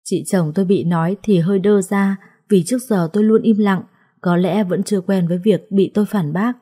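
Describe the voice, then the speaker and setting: A woman storyteller reading a first-person family story in a soft, measured way. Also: mid-range voice, steady tone, slightly rough. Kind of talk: scripted first-person narration.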